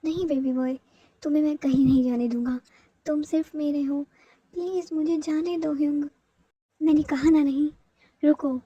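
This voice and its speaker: A woman's voice: high voice, fairly even intonation, moderate pace, long pauses, warm tone, no echo, highs cut off, natural voice. A woman voicing a possessive, obsessive older male teacher who broods, schemes and turns controlling.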